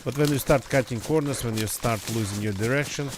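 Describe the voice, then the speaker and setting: A man streams a survival game, rambling casually and correcting himself as he talks. His mid-range voice runs a little fast and sounds slightly nasal and congested from a recent cold, with a noisy background.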